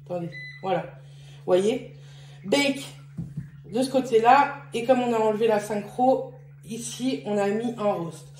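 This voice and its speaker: A slightly high-voiced woman walks viewers through a kitchen appliance in a relaxed, chatty way, full of fillers and little self-corrections. Her voice echoes in a roomy space with a faint ambient hum behind it. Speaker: beauty and lifestyle vlogger. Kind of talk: casual product demonstration.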